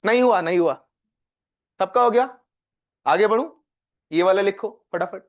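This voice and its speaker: High-voiced Indian man teaching a class. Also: dull audio. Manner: coaxing, quizzes students with quick questions; dictates questions slowly, word by word. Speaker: physics teacher. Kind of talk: live classroom lecture.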